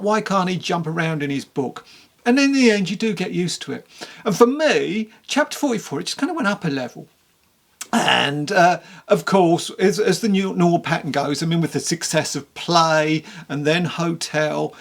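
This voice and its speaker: This is a relaxed, talk-to-camera book review from someone with a creaky voice at medium pitch. The tone is frank and chatty, drifting in a rambling way.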